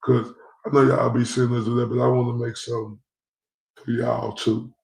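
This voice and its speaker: A man's voice: medium pitch, level tone, normal speed, vocal fry, darkish tone. A man from Dallas, ranting bluntly and profanely as a commentary host. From Dallas, Texas. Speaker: YouTube commentator. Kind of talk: livestream rant. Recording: roomy echoey recording.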